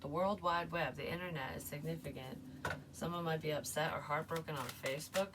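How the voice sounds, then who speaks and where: Low-pitched lady rambling through a tarot reading, kinda far from the mic, faint hiss. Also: fairly even intonation, brisk. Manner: chatty, rambling, full of "like" and "you know". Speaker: tarot reader. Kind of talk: casual tarot reading monologue.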